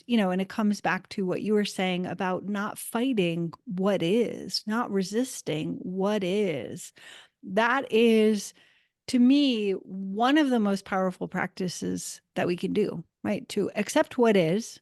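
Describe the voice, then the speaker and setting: A woman talks through her work and her everyday stories in a relaxed interview. Her delivery is reflective but animated, full of casual "like"s. The recording is close and dry, with no room sound. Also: medium pitch, takes it slowly, no room sound. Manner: reflective, animated storytelling with frequent "like". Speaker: guest, Akashic Records practitioner.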